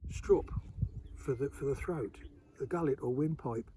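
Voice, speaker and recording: A man with a broad East Anglian accent from the Suffolk dialect tradition speaks as an informal expert presenter. His delivery is colloquial and emphatic, pausing to spell out meanings at a mid pitch. The recording has clear background noise and clicks. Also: dark tone. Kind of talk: informal explanatory talk on dialect.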